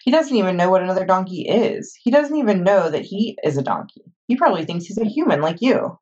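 A woman's voice: medium pitch, expressive, fast talker, darkish tone, slightly rough, voice pushed up. A woman reading aloud voices a talkative young boy who explains things matter-of-factly, on a dull lo-fi recording. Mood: explaining.

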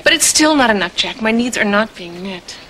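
An actress playing a needy young nursery-rhyme wife in a TV musical comedy, complaining and arguing. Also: female voice, a little high, animated, brisk, crowd noise, close to an everyday voice. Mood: whiny. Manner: whiny, complaining. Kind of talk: live-action TV musical comedy acting. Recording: noisy background.

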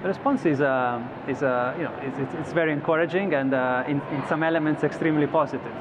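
A man's voice: fairly high pitch, fast. Man on a busy convention floor. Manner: thoughtful, many restarts and fillers. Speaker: company executive guest. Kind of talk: trade show interview. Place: broadcast studio set on a convention floor. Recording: slightly dull audio with clear background noise.

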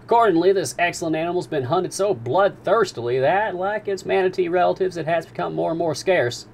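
A man's voice: sits high, fairly quick, gravelly, a little hiss or hum, pitched above the performer's own voice. A man reading aloud as a stern, mysterious sea captain who speaks formally and with authority. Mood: explaining. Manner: formal, commanding.

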